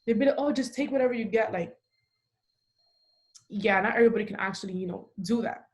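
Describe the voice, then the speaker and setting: A young woman from the Dominican Republic chats casually on a podcast. She talks in a loose, emphatic way, leaning on "like" as a filler. Her voice sits at an ordinary middle pitch. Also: brisk. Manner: talkative, frequent "like" fillers, emphatic. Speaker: podcast host.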